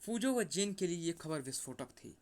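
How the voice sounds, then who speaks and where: A man's voice: fairly high pitch, very animated, normal speed, a little mellow. Theatrical man narrating a comic. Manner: theatrical, shifts voice between characters. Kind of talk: dramatic comic narration with voiced characters.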